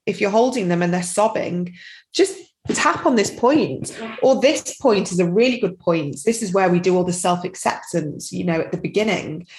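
The guest is a middle-aged woman, a tapping practitioner and parent, with a mid-range, darkish voice. In a casual podcast interview recorded at low quality, she chats and rambles, peppering her speech with "you know."

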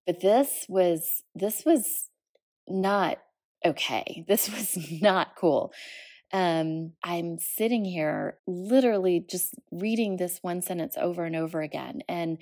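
A woman's voice: lowish voice, a little mellow. A woman in her forties hosting her own podcast, speaking off the cuff in an emotional monologue, tearful and laughing with frequent restarts. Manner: emotional, laughing through tears, with many restarts. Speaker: podcast host. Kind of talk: unscripted personal monologue.

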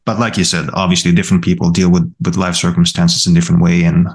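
Deep gravelly-voiced male professor. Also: little pitch movement, fast talker. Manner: thoughtful, many restarts and repeated words. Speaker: podcast co-host, college professor. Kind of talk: casual academic discussion.

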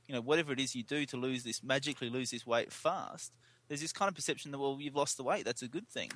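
A man's voice: mid-range voice, fairly bright tone. A man co-hosting a casual health podcast, earnest and full of fillers. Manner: earnest, many fillers like um and you know. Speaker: podcast co-host.

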